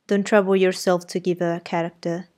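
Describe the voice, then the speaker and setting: A woman voicing a brusque, imperious middle-aged gentleman who questions sardonically and gives orders, read as audiobook character dialogue. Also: lowish voice, flat delivery, brisk, natural voice. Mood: brusque, commanding.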